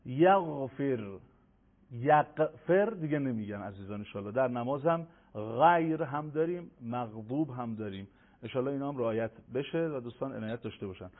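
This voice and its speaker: A man teaches recitation, patiently explaining and drawing out letter sounds slowly. His voice sits in a middle pitch. It comes through a thin, tinny phone-like line. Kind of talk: broadcast lesson.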